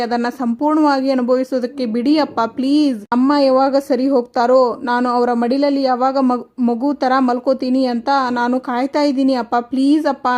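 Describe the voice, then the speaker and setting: A heartbroken young woman pleading earnestly with her father after her fiancé betrays her, read by a woman narrator. The voice is high and bright, with a plain, steady storytelling delivery. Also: natural voice.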